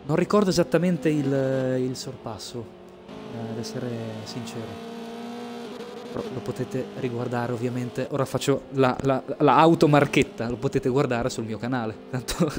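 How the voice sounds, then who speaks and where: With a mid-range voice at normal speed, a man commentates live sim races for his stream, casually, with hesitations and repeated words. Background noise is present in the recording.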